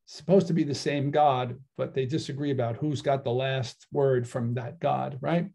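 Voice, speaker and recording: Gravelly New man lecturing. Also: mid-range voice, fairly even intonation, moderate pace, warm tone. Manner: conversational, frequent tag "right?". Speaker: philosophy teacher. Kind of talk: casual spoken lecture.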